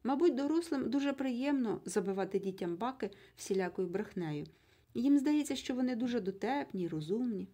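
A blunt, short-tempered storybook mother who snaps her words out, as a woman reader puts her on. Husky and loud at times, with a lively, cutting swing in the voice. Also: fairly high pitch, fairly quick, voice pushed up. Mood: irritated. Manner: curt, snapping. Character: blunt irritable middle-aged mother, sharp-tongued.

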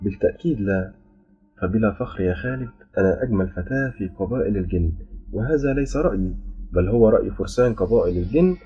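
A man's voice: on the low side, animated, quick pace, slightly rough. A man voicing a beautiful, playful and proud young female jinn who speaks with a teasing, smiling delivery. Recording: dull lo-fi with faint music.

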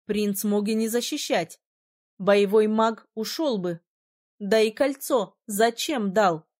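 Lady doing a sneery evil mermaid boss, slow cold threats. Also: mid-range voice, a little mellow, close to an everyday voice. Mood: mocking. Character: menacing female mermaid leader, cruel and mocking.

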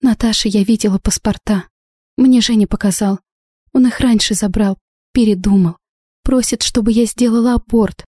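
Dasha, a tearful eighteen-year-old bride, as a woman narrator puts her on, pleading and frightened. The voice is mellow and close, with no room sound at all. It is a storybook reading. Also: mid-range voice, steady tone, normal speed, no room sound, voice pushed up, natural voice.

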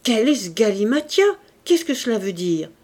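A woman's voice: mid-range voice, animated, slow, gravelly, slightly rough, full character voice. A woman reading an audiobook, voicing a male town mayor who fires off urgent, bewildered questions. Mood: agitated.

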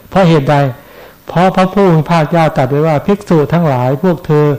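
A man's voice: fairly high pitch, fast talker, darkish tone, poor audio. A middle-aged man, a Buddhist monk, giving a conversational sermon and asking his listeners questions.

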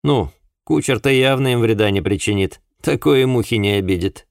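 Narrator doing an eager young constable, earnest, a touch higher than his own low voice, dry booth. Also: fairly quick, vocal fry, no room sound, natural voice. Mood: reassured. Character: young Victorian police sergeant, dutiful, eager.

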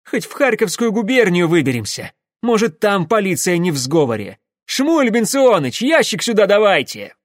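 Man doing a frantic shouting engineer. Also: on the high side, expressive, normal speed, dry recording, clean studio sound. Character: desperate wounded male engineer, furious and hysterical.

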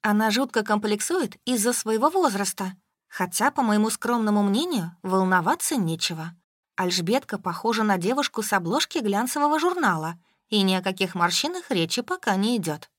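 A woman's voice: mid-range voice, lively intonation, moderate pace, no room sound, clean studio sound. Woman narrating a wry audiobook. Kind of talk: first-person audiobook narration.

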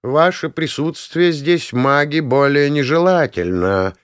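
A haughty male elf sage with a melodious, unhurried voice, as a male audiobook narrator puts him on. Each word comes out lofty and dismissive, rising and falling in lively swings, all recorded dry and close. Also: a little high, clean tone, no room sound, voice pushed up, full character voice.

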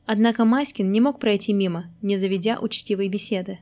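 A woman's voice: mid-range voice, steady tone, a little fast, a little mellow. A woman reading a whimsical fairy tale aloud in a wry, playfully ironic narration. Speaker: audiobook narrator. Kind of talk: scripted storybook narration.

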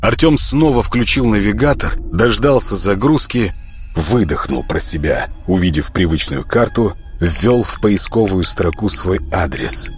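A man reading an audiobook in measured scripted narration. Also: sits low, lively intonation, soft background music.

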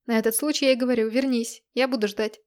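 A woman's voice: on the high side, steady tone, fast, darkish tone, lightly acted. A woman doing a hurt, jealous young man. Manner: strained, earnest, pleading.

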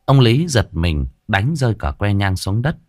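A man's voice: on the low side, very animated, moderate pace, no echo, studio quality. A man narrating a ghost story dramatically.

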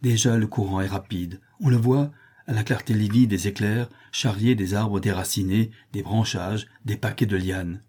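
Low, husky male storyteller. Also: steady tone, normal speed, a little mellow. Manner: dramatic storytelling delivery. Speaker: audiobook reader. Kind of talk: scripted narration.

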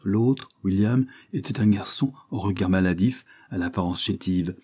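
Low, husky male audiobook narrator. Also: normal speed, mellow.

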